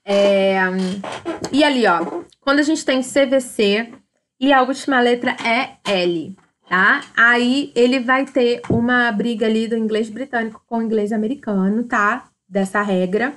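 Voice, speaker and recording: A woman's voice: a little high, a little slow, a bit bright. A woman, teaching a casual grammar review and often checking with her students. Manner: casual, repeats "tá?" and "ó" to check understanding. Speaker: English teacher. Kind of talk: recorded classroom grammar review.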